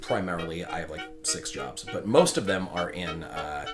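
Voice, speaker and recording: A man in his twenties chatting casually in an interview, animated and stumbling over restarts. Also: low voice, moderate pace, over music.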